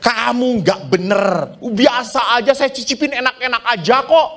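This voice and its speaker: A man doing a shrill, indignant wife. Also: normal speed, heavily acted. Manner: loud, indignant. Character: defensive wife bristling at criticism.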